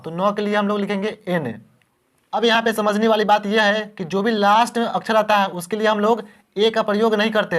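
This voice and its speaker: A man's voice: high-pitched, fairly bright tone. A man teaching beginners how to spell words, patiently repeating each word and asking the class questions.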